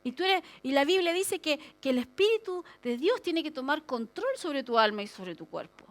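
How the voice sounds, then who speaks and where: Lady pastor preaching, high voice, acts out little quotes, jokey asides. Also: sing-song, moderate pace. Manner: humorous asides. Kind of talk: sermon.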